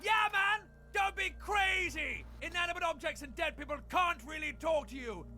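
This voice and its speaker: Manic, shrill squeaky imagination. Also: male voice, soft background music, full character voice. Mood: manic glee. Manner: shouty, rapid, gleeful. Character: manic, excitable high-pitched voice of imagination. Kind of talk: video game voice acting.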